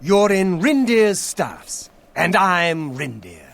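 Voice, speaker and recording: A man's voice: high-pitched, very animated, slow pace, gravelly, a bit bright, heavily acted. A man voicing a cheerful male shopkeeper in a fantasy game who sells magic staffs, with an upbeat, salesy, sing-song manner, heard as game audio from a distance.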